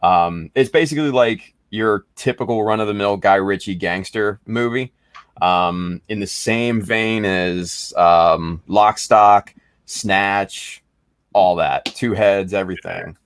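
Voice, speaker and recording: Slow, low-voiced man chatting. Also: no room sound. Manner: enthusiastic, rambling with fillers. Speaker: podcast co-host. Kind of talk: casual chat.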